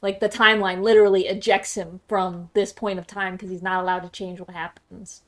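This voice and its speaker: A woman's voice: medium pitch, flat delivery, a little fast. A woman co-hosting a casual podcast, talking things through thoughtfully, with the odd stumble and restart. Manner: thoughtful and conversational, with some stumbles.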